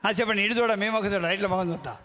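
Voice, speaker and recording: A man's voice: high voice, very fast, bright, forceful tone. A man preaching a fiery sermon, scolding and calling out questions to the congregation. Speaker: pastor. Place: church hall. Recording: echoey church hall.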